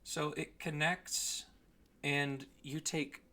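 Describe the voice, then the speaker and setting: A young man narrating as dungeon master in an online tabletop game, describing scenes in a measured way with some hesitations. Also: on the high side, little pitch movement, background noise.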